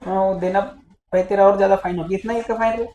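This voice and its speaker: A man's voice: high-pitched, steady tone, racing, dark tone, muffled recording, a little hiss or hum. A male physics teacher in a casual classroom lecture, teasing and scolding his students as he talks. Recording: echoey classroom.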